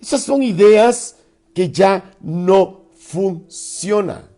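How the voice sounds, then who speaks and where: A middle-aged man gives an expressive motivational talk, acting out little dialogues. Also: extremely slow. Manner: expressive, acts out little dialogues with sudden pitch swings. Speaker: speaker on emotional self-control.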